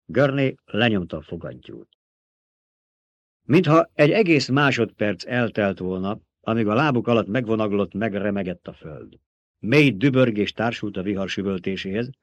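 A man narrating an audiobook in an even, steady reading, in a dull lo-fi recording. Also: on the low side, dry recording. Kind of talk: scripted narration.

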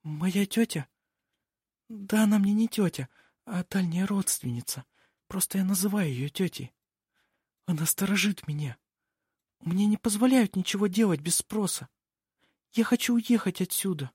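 A man voicing a frightened young girl who pleads in a hushed whisper. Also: sits high, moderate pace, slightly rough, no echo, clean studio sound, pitched above the performer's own voice. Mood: hushed pleading.

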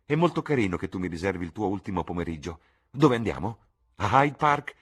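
A man's voice: low voice, big pitch swings, husky, heavily acted. A man voicing a bubbly teasing young actress. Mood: eager. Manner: bright, teasing, quick bursts.

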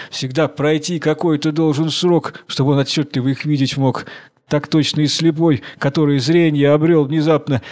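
A cunning young wife pleads sweetly and argues smoothly, as a male reader puts her on. Her voice sits a little higher than the narration around her, and she coaxes and explains at length in rhymed storybook verse. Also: darkish tone, close to an everyday voice. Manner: pleading, then smoothly excusing herself. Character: sly scheming young wife, quick-witted and coaxing.

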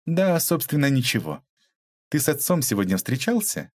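Guy putting on a tough sarcastic lady detective, raised pitch, dry close sound, audiobook. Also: big pitch swings, normal speed, no room sound. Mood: mocking. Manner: mocking, cold, lecturing. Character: tough, ironic young woman detective.

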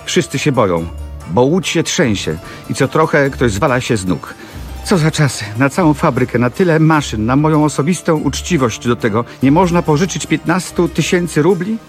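A man's voice: fairly high pitch, expressive, normal speed, faint music behind, voice pushed up, close to an everyday voice. A man voicing a ruined young mill owner who speaks with bitterness and wounded pride, in an audiobook reading of a classic novel. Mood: bitter. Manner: bitter, despairing, proud.

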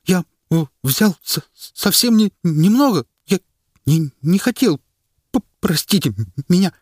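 A man's voice: high voice, expressive, a little slow, no room sound, clean studio sound, pitched above the performer's own voice. A man voicing a cowardly male official on trial in an audiobook, stammering with chattering teeth. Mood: terrified. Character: terrified male official, cowardly thief on the scaffold.

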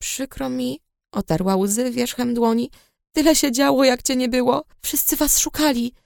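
A woman voicing a young female friend who speaks emotionally and tearfully, her voice raised higher. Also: moderate pace, vocal fry, a little mellow, no room sound, studio quality.

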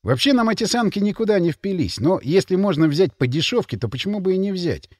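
A man narrating an audiobook in the first person, wry and matter-of-fact. His voice sits a little high and moves lively through the phrases, recorded dry and close with no room. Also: fast talker, dry recording.

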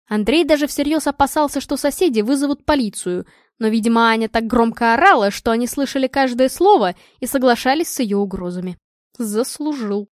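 A woman narrates a story in a lively, expressive way. Her voice sits fairly high, and the recording is close and dry with no room echo. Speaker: audiobook narrator. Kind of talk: scripted narration.

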